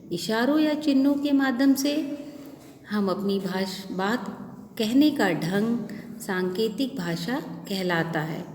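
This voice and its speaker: A woman's voice: mid-range voice, a little mellow. A woman teacher with a Lucknow Hindi accent explaining a lesson, asking questions and answering them herself. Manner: explains slowly, asks and answers her own questions. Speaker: schoolteacher. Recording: echoey room with faint ambient noise.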